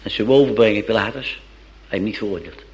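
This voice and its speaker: A man's voice: on the low side, fast, slight background noise, poor audio. A male preacher telling a Bible story as a sermon, dramatic and fond of repeating phrases.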